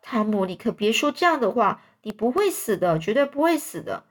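Lady doing a panicky little boy in a storybook, high squeaky voice, keeps fussing. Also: sing-song, a little fast. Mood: alarmed. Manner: urgent, fussing, high-pitched pleading. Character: anxious excitable young boy, Tom's little brother.

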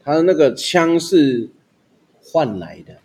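A man's voice: fairly high pitch, big pitch swings, slow pace, darkish tone. A man hosting a casual podcast chat, joking and laughing easily. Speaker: podcast host.

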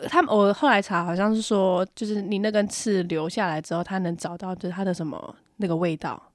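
A woman co-hosting a podcast, telling a story in casual chat, acting out her own panic in high squeals. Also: fairly even intonation, fairly quick, no echo, studio quality. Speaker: podcast co-host.

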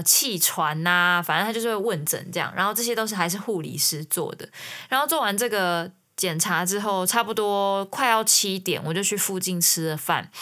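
Chatty woman, low voice. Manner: chatty, ends phrases with soft fillers. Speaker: singer-songwriter. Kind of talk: casual storytelling.

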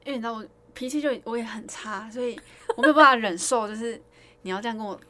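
A woman's voice: on the high side, fast talker. A woman piano teacher, chatting casually on a podcast and telling stories with lots of laughter. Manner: animated storytelling, laughs often.

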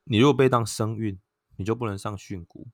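A male vlogger with a Taiwanese Mandarin accent explains something casually, peppering his talk with "oh" and chanting tones aloud as examples. His lowish voice is steady and a little fast, recorded with clean studio quality and no room sound.

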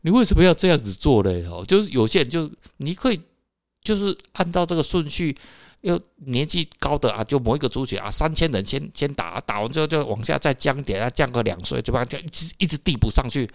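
A man's voice: medium pitch, expressive, a little fast, creaky, no echo, clean studio sound. A man with a Taiwanese Mandarin accent, hosting a casual solo talk for listeners, rambling with filler particles and tag questions. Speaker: podcast host.

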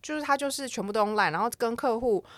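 A woman's voice: fairly high pitch, fast, a bit bright, no room sound, clean studio sound. A woman in her thirties with a Taiwanese accent, chatting casually and emphatically as a podcast co-host. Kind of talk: casual chat.

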